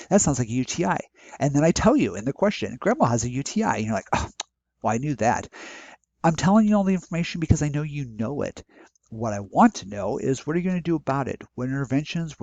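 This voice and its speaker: A man's voice: mid-range voice, a little mellow, no room sound. Man, nursing instructor, casual orientation talk, fillers and restarts, dry close sound. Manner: conversational, many fillers and restarts. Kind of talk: course orientation voiceover.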